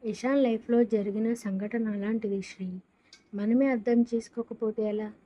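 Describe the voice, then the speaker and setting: A woman narrator voicing a gentle young sister-in-law who talks in a soothing, coaxing way. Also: a little high, fairly even intonation, moderate pace, close to an everyday voice. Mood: calm. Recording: dull lo-fi sound.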